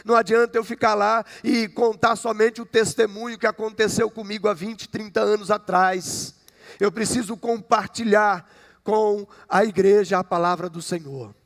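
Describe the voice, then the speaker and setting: Brazilian pastor in his fifties, gravelly. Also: sits high, fairly even intonation, moderate pace. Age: 50s. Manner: conversational preaching with frequent "né?" and jokes. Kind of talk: sermon. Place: church sanctuary. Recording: long hall reverb.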